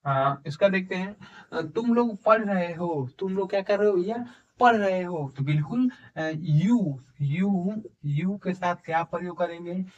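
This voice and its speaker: A man teaching English grammar in with a tinge, dictating examples slowly and checking in with his students. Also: high voice, distant mic, dull audio. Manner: slow dictation of example sentences, frequent "ठीक है" and rhetorical questions. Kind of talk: explaining a grammar lesson in Hindi.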